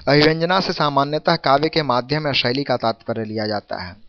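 Guy reading out a lit theory lesson, formal and measured, slow through the numbered lists, muffled dry lo-fi audio. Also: mid-range voice, fairly bright tone, dry recording. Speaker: lecturer on Hindi literary theory. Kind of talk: reading a textbook lesson aloud. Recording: dull dry lo-fi recording.

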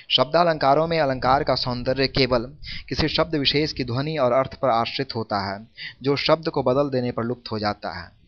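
A man reads a formal literature lesson in a steady, measured voice at a middle pitch. He slows down noticeably whenever he recites a verse example. The recording sounds dull and lo-fi. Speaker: reader of a literature textbook.

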